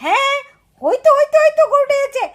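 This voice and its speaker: A woman puts on a quarrelsome village mother with a piercing, very high voice, always ready to pick a fight. She scolds and complains loudly, her words sharp and insistent. It is pure doll-show drama. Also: big pitch swings, fast talker, full character voice. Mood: disgusted. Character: shrill quarrelsome village mother, easily enraged.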